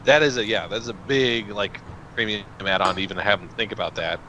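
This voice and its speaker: A man's voice: lowish voice, a little fast, crowd noise. A man co-hosting a casual card review over a video call, playful and full of jokes. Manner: playful, jokey. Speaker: co-host reviewing cards. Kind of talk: casual joking chat.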